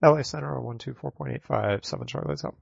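A man's voice: medium pitch, fast, creaky, husky, no echo. A man making pilot radio calls through a cockpit headset. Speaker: private pilot on air traffic radio. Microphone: pilot headset over radio. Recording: muffled aviation radio with clicking.

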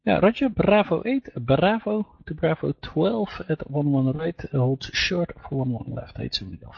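A man with a gravelly, husky voice making pilot calls and readbacks on air traffic control radio. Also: fairly high pitch, sing-song, normal speed, no echo. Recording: dull, dry radio audio.

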